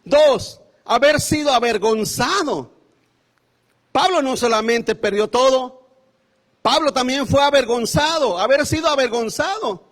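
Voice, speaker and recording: A man's voice: extremely high pitch, a bit bright. A male pastor preaching an impassioned sermon, repeating his phrases and calling listeners brother. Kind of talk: fiery sermon.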